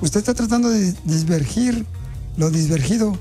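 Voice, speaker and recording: A man's voice: high-pitched, lively intonation, normal speed, mellow, faint music behind. A man hosting a radio show who makes prank calls and teases the person on the line. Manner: mocking, provocative, playful. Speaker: radio show host making a prank call. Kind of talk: fast radio prank call.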